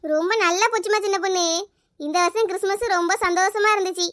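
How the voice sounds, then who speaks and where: A kindly neighbour auntie in a comedy cartoon, fond and coaxing, with a Kanyakumari Tamil accent. Her voice is very high and bright. She talks at a quick clip. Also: steady tone. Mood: teasing. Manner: coaxing, fond, keeps calling her by pet name. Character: kindly neighbour woman Gomathi, elder-sister type.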